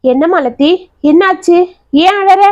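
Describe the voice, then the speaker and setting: A woman's voice: sits high, normal speed, natural voice. A woman voicing a caring, protective schoolteacher who asks anxious, probing questions. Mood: alarmed. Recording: dry, slightly dull audio.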